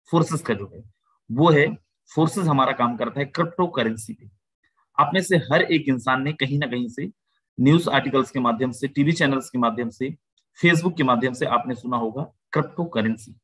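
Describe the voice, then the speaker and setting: A man hosting an online video-call webinar, giving a persuasive sales pitch and often calling the listeners "my friend". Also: moderate pace, fairly bright tone, husky, no room sound, low-quality recording. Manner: persuasive, addresses listeners as "my friend", mixes English phrases. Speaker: webinar host.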